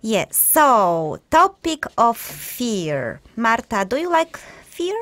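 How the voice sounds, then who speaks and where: A woman's voice: a little high, big pitch swings, slow, a bit bright, no echo. A young woman co-hosting a live radio show, chatting and teasing with many fillers. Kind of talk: casual live radio chat. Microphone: studio microphone.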